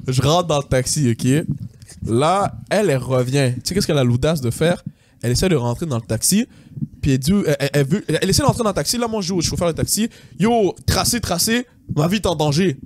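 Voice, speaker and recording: Fast-talking young man, animated storyteller. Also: a little high, a little hiss or hum. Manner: animated, mixes English slang, acts out voices. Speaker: podcast co-host. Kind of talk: casual storytelling.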